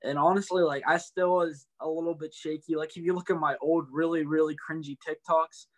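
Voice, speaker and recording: Young male student guest, a bit higher voice, easygoing and filler-heavy. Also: steady tone, fairly quick. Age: young adult. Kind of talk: casual interview chat.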